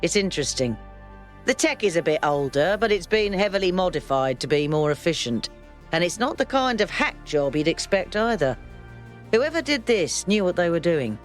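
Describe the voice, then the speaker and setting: Grumpy robot engineer, lively higher pitch. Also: male voice, normal speed, faint music behind. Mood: dry, grumbling. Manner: gruff, irritable, sardonic. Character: grumpy old robot chief engineer, curmudgeonly and sarcastic. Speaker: game character. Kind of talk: video game character dialogue.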